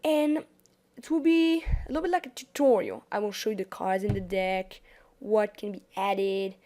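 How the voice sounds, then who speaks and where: Over screen capture of a card game, a young French-accented woman who makes gaming videos on YouTube chats casually, frequently restarting what she's saying. She has a mellow voice on the high side.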